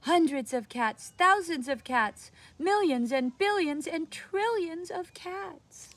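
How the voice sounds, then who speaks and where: A fretful very old storybook woman, as a woman reading aloud puts her on, exclaiming in a high, lively voice. She fusses loudly with swooping pitch. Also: slow, dry recording, heavily acted. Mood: exasperated. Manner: exclaiming, fussing.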